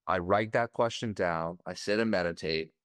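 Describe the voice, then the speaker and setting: Low-voiced man, candid podcast guest. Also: normal speed, a bit bright, no room sound, studio quality. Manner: candid, searching, a little emotional. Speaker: podcast guest, party coach.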